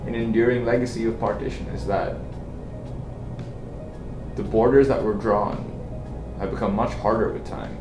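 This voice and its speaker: Man, measured and deliberate, lowish voice, roomy echo. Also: fairly even intonation. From Pakistan. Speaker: policy researcher. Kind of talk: reflective interview answer. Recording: echoey room. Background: music.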